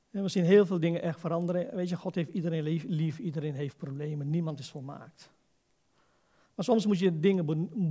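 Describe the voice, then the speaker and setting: A man's voice: on the high side, dark tone, husky. A man preaching an informal, conversational sermon as a pastor, exhorting his listeners and putting rhetorical questions to them.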